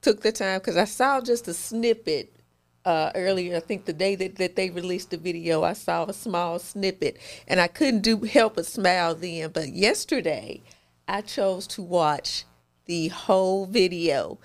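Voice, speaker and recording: A woman co-hosting a podcast in casual chat, animated and quick to laugh. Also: lowish voice. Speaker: podcast co-host.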